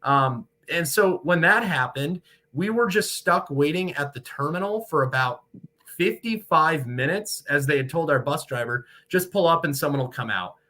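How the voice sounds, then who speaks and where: This man's voice is a little high and expressive, with a sharp tone and a moderate pace. He's an American sportscaster from Michigan who does radio play-by-play, and he speaks casually and at length while being interviewed.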